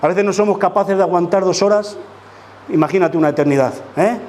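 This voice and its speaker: A man's voice: sits high, a little fast, darkish tone, slight background noise. A man from preaching a sermon as pastor, emphatic and full of rhetorical questions to the congregation. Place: church.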